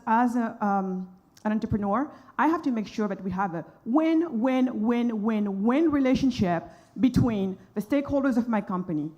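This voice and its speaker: A woman's voice: medium pitch, darkish tone. Passionate woman speaker from Senegal. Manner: passionate, emphatic, outspoken. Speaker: panel speaker, entrepreneur. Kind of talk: conference panel talk.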